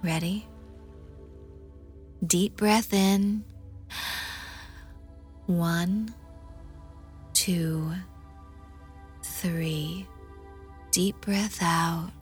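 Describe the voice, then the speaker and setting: A woman doing an ASMR role-play as a hypnosis guide, murmuring softly and breathily right into the ear, teasing, coaxing and gently commanding. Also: lowish voice, fairly even intonation, extremely slow, long pauses, faint music behind. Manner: soft, intimate, breathy close-up murmur, right in the ear, often slipping into soft voice. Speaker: hypnosis audio host.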